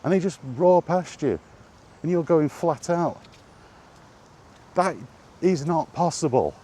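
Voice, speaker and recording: This British man's voice is fairly high and warm, and he speaks slowly. He rants off the cuff in an exasperated, sweary way, much like a gaming vlogger on a walk, repeating rhetorical questions, and the outdoor recording has clear background noise.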